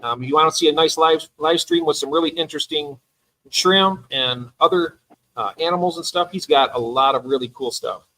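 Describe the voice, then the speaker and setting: Guy hosting a live stream, kinda high voice, chatty and excited. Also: moderate pace, low-quality recording. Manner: enthusiastic, chatty, trails off. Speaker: livestream host. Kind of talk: casual live chat.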